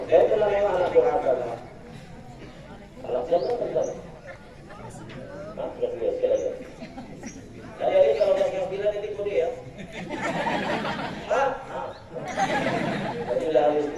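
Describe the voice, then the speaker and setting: A man giving a lively, humorous sermon at a school religious gathering, telling stories and speaking straight to his listeners. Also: fairly high pitch, moderate pace, long pauses, a crowd in the background. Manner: jokey, storytelling, addresses the audience directly. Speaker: Islamic preacher. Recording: echoey room, distant mic, dull lo-fi.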